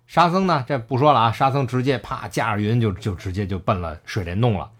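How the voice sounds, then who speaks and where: A man's voice: medium pitch, fairly quick, fairly bright tone. A man casually retelling a classic story, acting out the characters' lines and laughing often.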